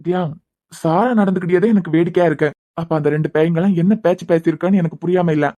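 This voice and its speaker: A woman plays a brash young husband in a cartoon, lying injured but still teasing and protective. He talks fast in a lowish, Kanyakumari-accented voice, blunt and quick to tease. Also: steady tone, warm tone, lightly acted. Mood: probing. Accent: Kanyakumari Tamil. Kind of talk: cartoon voice acting.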